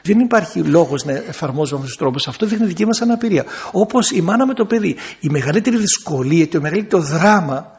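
A middle-aged man, an Orthodox priest, teaches a small group in a talky sermon. His voice sits high and has a gravelly rasp. He slips into quick impressions of the people he describes. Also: expressive, darkish tone. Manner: teaching, acts out people in quoted bits. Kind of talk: talk to a group with questions.

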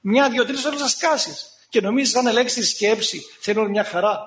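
A man preaching a sermon in an animated way, sometimes scolding and acting out the voices he quotes. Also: very high voice, slight background noise.

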